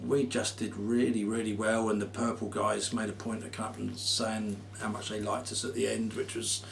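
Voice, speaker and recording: A man's voice: fairly low pitch, little pitch movement, moderate pace, vocal fry, recorded from a distance, slight background noise. A man in a casual interview, telling stories about touring in a chatty, slangy way and laughing often. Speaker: band musician, interviewee. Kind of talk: casual chat.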